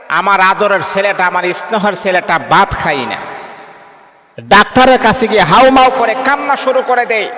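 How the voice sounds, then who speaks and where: Male preacher, emotional sermon delivery, bright tone, long hall echo. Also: high voice. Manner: emotional preaching, rising to cries and sung phrases.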